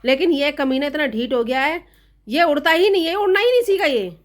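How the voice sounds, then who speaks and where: Speaking brisk and high-pitched, a woman in her thirties chats animatedly to the camera as a family vlogger. She teases and laughs often throughout.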